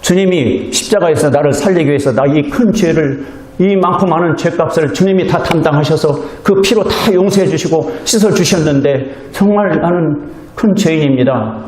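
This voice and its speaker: A man's voice: fairly high pitch, moderate pace, few pauses, a little mellow. A male Korean pastor preaching a sermon in a church, earnest and conversational, acting out little quoted exchanges with the congregation. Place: church sanctuary. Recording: echoey church hall.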